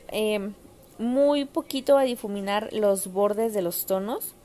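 A young woman talks her viewers through a makeup look in a chatty, easygoing voice-over. Her voice sits fairly high, and she fills her pauses with small hesitation sounds. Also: dark tone. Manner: chatty, addresses viewers as girls, many fillers. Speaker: makeup vlogger.

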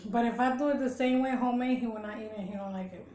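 A woman hosting a mukbang eating show, chatting casually with slow words and contented hums between bites, at home. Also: fairly high pitch. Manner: slow, relaxed, murmurs and hums while eating. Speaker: mukbang host. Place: home, indoors. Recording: echoey room with faint hum.

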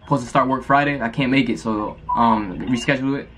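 A man's voice: medium pitch, brisk, noisy background. A young man speaking in a casual, slangy, informal way, as in a prank-call vlog recorded indoors. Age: young adult. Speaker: prank caller and vlogger. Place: indoor room at home.

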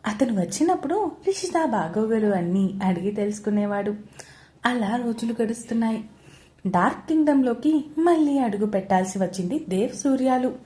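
A woman storyteller reading a serialized romance story aloud in a steady, expressive way. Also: fairly high pitch, moderate pace.

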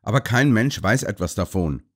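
A man's voice: fairly low pitch, expressive, moderate pace, a bit bright. Man doing a flustered hotel servant, eager and reassuring.

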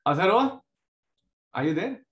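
A man's voice: high-pitched, sing-song, a little slow, a bit bright. A man with a South Indian accent teaching an informal online class as a maths teacher, conversational and joking with his students. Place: indoor room, online video class. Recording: roomy, echoey online class audio.

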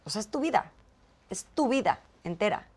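A woman's voice: medium pitch, moderate pace. A woman with a Mexican accent, a guest in an interview, telling a personal story and acting out the dialogue. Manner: animated, acts out quoted dialogue. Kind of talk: conversational storytelling.

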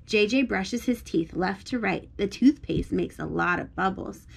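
On a blanket indoors, a woman reads a picture book aloud to a small child in an encouraging, sing-song manner full of simple repeated phrases. Her medium-pitched voice is gravelly and husky, animated but unhurried.

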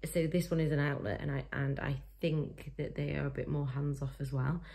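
A woman's voice: sits low, flat delivery, a little fast, gravelly, mellow. A young woman chatting to camera in her vlog, rambling with lots of fillers and side notes. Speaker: vlogger.

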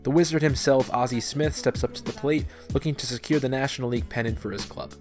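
A man's voice: mid-range voice, fast, over music. A man hosting and narrating a sports video from a script. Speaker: video host and baseball fan narrator.

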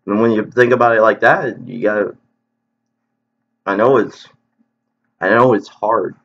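A man talking earnestly to viewers from home in a halting, reflective vlog monologue, often restarting his sentences. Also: fairly low pitch, fairly bright tone, slight background noise. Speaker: video creator. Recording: dull lo-fi recording.

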